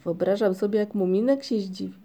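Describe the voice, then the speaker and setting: A woman's voice: medium pitch, fairly quick, mellow, close to an everyday voice. A woman reading a storybook, voicing a small, fretful, greedy young male creature who whines and pleads. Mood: eager. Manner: whiny, pleading.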